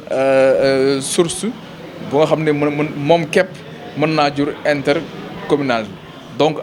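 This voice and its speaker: A man speaking with a Senegalese accent, medium in pitch, is interviewed as a local official. His explanations come with pauses mid-phrase and repeated words.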